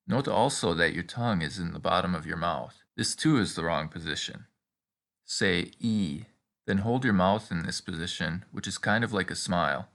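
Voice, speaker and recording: Male tutorial narrator, low register with a bright, forward tone; instructional and encouraging. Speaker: pronunciation instructor. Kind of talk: scripted step-by-step tutorial narration.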